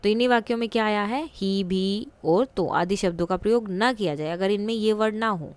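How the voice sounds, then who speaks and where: A woman's voice: mid-range voice, brisk, clean tone. A woman teaching a school textbook lesson, explaining patiently step by step with examples and questions to the class.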